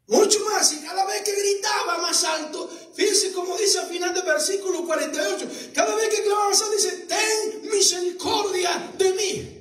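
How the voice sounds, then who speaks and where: A male pastor preaching a fervent sermon, shouting in bursts and acting out other voices. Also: very high voice, a little fast, few pauses, recorded from a distance, faint music behind. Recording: echoey room, voice off mic.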